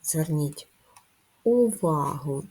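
A woman teaching young children to write letters, speaking slowly and gently with clear instructions. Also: low voice, animated. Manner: slow, gentle and instructive, addressing young pupils. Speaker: primary school teacher. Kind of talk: children's handwriting lesson.

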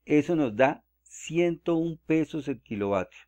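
A man from Colombia, calmly walking through cost calculations step by step in a screen-recorded tutorial. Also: fairly high pitch, measured pace, dry recording. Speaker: solar energy explainer.

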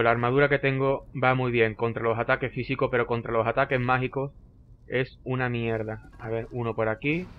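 Excitable man narrating his own gameplay. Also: mid-range voice, lo-fi sound, a little hiss or hum. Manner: excitable, frequently repeating short phrases under pressure. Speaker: gameplay commentator. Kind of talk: live gameplay commentary.

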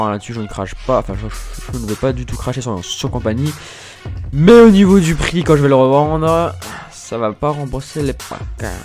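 A man doing casual, self-mocking commentary while opening game packs, stammering and laughing often. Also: medium pitch. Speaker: gaming YouTuber.

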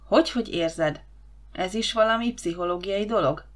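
A woman's voice: medium pitch, close to an everyday voice. A woman voicing a male doctor, tense and worried, in an audiobook. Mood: puzzled.

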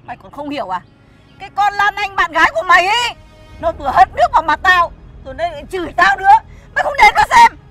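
A woman's voice: animated, fast talker, music in the background. An actress playing a scornful, hot-tempered middle-aged mother who scolds and insults. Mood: furious. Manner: scolding, insulting, shrill shouting. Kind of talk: web drama acting.

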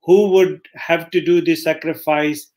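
A man hosting an interview, asking polite questions with hesitant "uh" pauses. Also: on the high side, fairly even intonation, a little mellow. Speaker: interviewer host.

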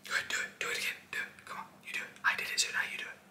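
A man in his twenties doing fast whispering ASMR, breathy and insistent, with clipped, repeated phrases aimed straight at the listener. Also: pushed and bright, reverberant. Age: 20s. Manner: aggressive, insistent, clipped and repetitive, addressing the listener directly. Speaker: ASMR host. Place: small indoor room.

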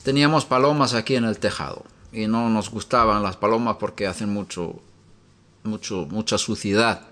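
A man's voice: on the low side, normal speed, a bit bright. A man preaching in a teaching style from a room upstairs in his home. He asks many rhetorical questions and tells homely stories.

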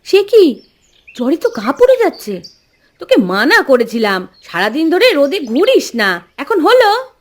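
Woman doing a shrill, fussy cartoon mom. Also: normal speed, heavily acted. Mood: scolding. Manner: scolding, excitable. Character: fussy worried mother. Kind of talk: storybook cartoon voice acting.

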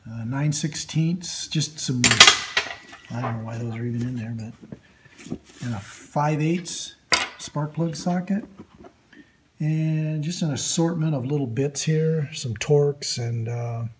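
Slow, halting man in a noisy workshop. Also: a little high. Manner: slow, halting, lots of ums and uhs. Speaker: workshop video host. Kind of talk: casual show-and-tell of tools. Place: indoor workshop at a metal bench. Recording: loud clatter of metal tools.

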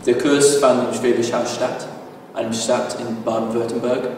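A man's voice: mid-range voice, flat delivery, normal speed, darkish tone, slight background noise. A teenage boy, a student speaking German as a learner, reciting. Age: teens. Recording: distant echoey hall.

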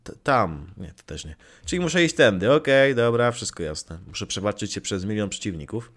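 A man's voice: fairly low pitch, lively intonation, normal speed, a bit bright. A young man casually commenting on his gameplay, joking, swearing lightly and talking back to the game characters. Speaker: let's play gamer.

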